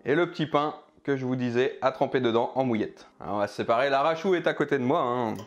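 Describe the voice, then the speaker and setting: A man's voice: mid-range voice, fast talker, highs cut off. A man reviewing pizzas for his food vlog, chatting casually and joking while he eats. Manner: chatty, jokey, eating while talking. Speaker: food vlogger.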